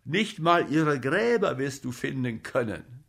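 A man voicing an agitated, boozy male comic actor who fusses loudly over a sick friend. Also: unhurried, creaky, husky, exaggerated voice. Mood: fussing. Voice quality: loud, excitable, high-pitched.

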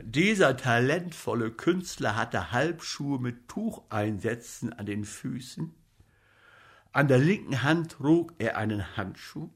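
A man narrating a story as an audiobook reader in a slow, lively way. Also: mid-range voice, slightly rough.

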